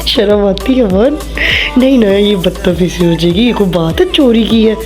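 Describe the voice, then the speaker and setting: A woman's voice: medium pitch, animated, normal speed. A young woman, chatting casually as a family vlogger and narrating her prank plans. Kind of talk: casual vlog chat. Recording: music playing over the voice.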